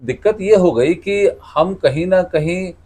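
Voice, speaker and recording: The guest is a middle-aged man, a cartoonist and radio announcer, whose high voice has a darkish tone and a measured pace. Fielding interview questions conversationally, he explains through stories and quotes dialogue from them.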